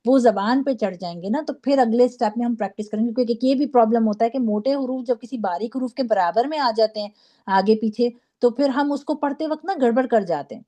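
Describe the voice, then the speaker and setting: A woman teaching a Quran recitation class, patiently drilling syllables slowly and checking in with her students. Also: on the high side, mellow. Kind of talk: online class lesson.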